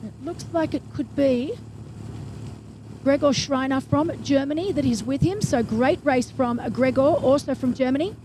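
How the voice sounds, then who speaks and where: A race commentator with a bright, high voice calls a triathlon live, brisk and enthusiastic, tossing in chatty asides. Engine and wind noise from the race is clearly audible behind her.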